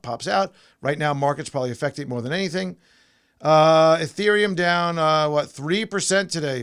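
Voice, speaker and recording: A man's voice: on the high side, a bit bright. A man hosting a pre-market stock show, casually talking through charts and thinking aloud with fillers and restarts.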